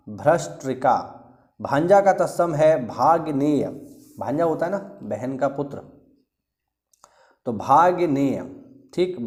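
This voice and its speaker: A man's voice: a little high, a little mellow. A man teaching an exam-preparation lesson. He repeats key words and often checks in with his students.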